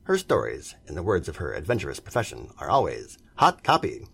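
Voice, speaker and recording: Guy doing old radio announcer intro, raspy gravelly voice, super swoopy delivery. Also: extremely low pitch, huge pitch swings, brisk, fairly bright tone. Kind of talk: 1940s radio announcing, scripted.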